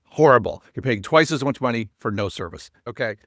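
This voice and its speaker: A man hosting a casual real estate podcast, emphatic and animated, with lively jumps in loudness. His voice sits at a middle pitch. The recording is dry and close-miked. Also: a little fast, no echo.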